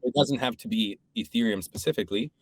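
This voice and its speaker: A man's voice: lowish voice, fast, dry recording. A man from Serbia, a podcast guest, talking in a casual, thoughtful way with many restarts. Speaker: podcast guest, startup co-founder. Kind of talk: casual chat.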